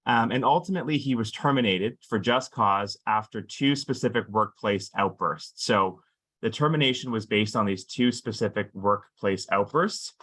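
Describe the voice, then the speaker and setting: A man presenting a legal webinar for employers, explaining cases in a measured way with frequent "um" fillers and stressed key words. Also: lowish voice, fairly bright tone.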